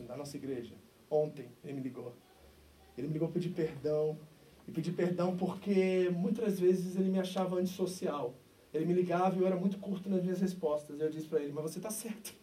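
A Brazilian male pastor delivers an animated sermon at a church service, his tone warm and mellow. He swings from forceful emphasis to hushed asides. He sounds a little away from the mic, with faint room noise behind him. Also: on the high side, recorded from a distance. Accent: Brazilian Portuguese. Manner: animated preaching, swings from loud emphasis to quiet intimate asides.

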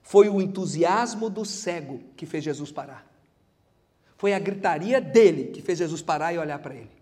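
A man with a Brazilian Portuguese accent preaching a sermon, lively and acting out the Bible figures he tells about. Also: a little high, normal speed, long reverb tail. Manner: animated preaching that acts out Bible figures in their own voices.

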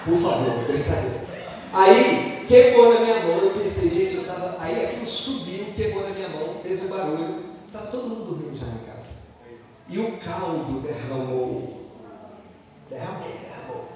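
A Brazilian pastor with a high voice tells lively, joking stories from the pulpit. He sounds far from the mic in a big church hall with a long reverb trailing every phrase. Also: normal speed. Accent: Brazilian Portuguese. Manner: animated, joking personal anecdotes. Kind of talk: storytelling sermon.

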